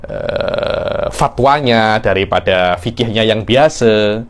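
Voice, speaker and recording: A man's voice: lowish voice, slow pace, clean tone. A middle-aged man teaching a religious class, explaining at length and repeating words as he builds emphasis. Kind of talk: classroom lecture.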